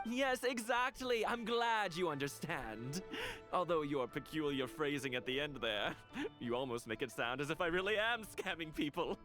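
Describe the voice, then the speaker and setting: A smooth-talking game merchant, high in pitch and very animated. He sounds theatrical and self-justifying, like a salesman defending his trade, with music behind him. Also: normal speed. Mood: smooth, defensive. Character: slick male jade merchant, indignant and smooth-talking. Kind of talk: video game voice acting.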